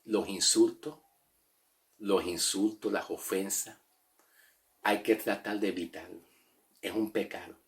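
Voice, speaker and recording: A man teaching a Bible lesson in Spanish, explaining Greek words slowly, repeating himself and checking in with "ok?". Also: low voice, fairly even intonation.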